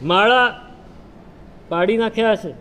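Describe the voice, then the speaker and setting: A man's voice: high-pitched, measured pace, bright, forceful tone, slight background noise. A man preaching a sermon, retelling a scripture story with rhetorical questions and chanted verses.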